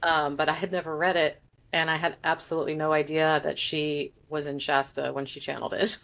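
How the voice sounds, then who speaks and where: A woman's voice: sits low, flat delivery, brisk, vocal fry, fairly bright tone. A woman guest on a podcast, an author, chatting casually with frequent laughs and fillers.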